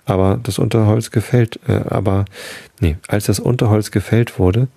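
A man voicing a gloomy, gentle old bull elk in a storybook reading, speaking in a subdued, heavy-hearted way. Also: lowish voice, fairly even intonation, normal speed, gravelly, dry recording. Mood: downcast.

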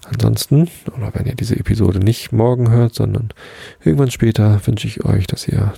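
A man hosting a podcast, calmly reading a bedtime story aloud on a close mic. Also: on the low side, normal speed, vocal fry, breathy edge, no echo. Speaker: podcast host and story reader.

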